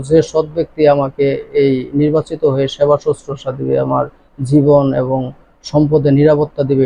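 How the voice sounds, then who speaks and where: A man from Bangladesh giving his opinion in an interview, speaking in a measured, deliberate way with pauses and restarts. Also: a little high, warm tone. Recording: dull lo-fi recording.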